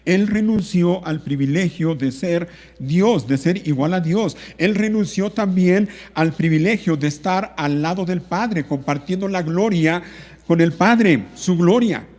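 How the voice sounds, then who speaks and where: A man delivers a sermon from the pulpit with a fairly high voice. He drives his points home through repetition and slow, stretched words. His voice rings out with the long reverb of a church hall. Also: darkish tone. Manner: repetitive emphatic preaching, stretching key words. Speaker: pastor.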